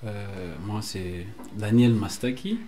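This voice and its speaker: A young man in his twenties from Congo introduces himself with frequent hesitations. His voice sits low. A faint ambient hum lies underneath. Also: slow pace, mellow. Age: 20s. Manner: hesitant, many fillers. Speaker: student. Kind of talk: interview self-introduction.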